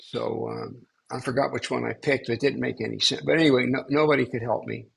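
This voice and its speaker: A man's voice: medium pitch, fairly even intonation, brisk, vocal fry, breathy edge. An older man, a spiritual teacher, tells a story to a small class in a rambling way, with many restarts and fillers.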